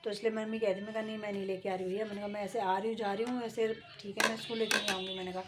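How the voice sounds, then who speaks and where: A middle-aged woman vlogger talking casually and at length, with rambling, conversational storytelling and frequent throat clearing. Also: medium pitch, flat delivery, racing, very noisy. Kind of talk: casual chat.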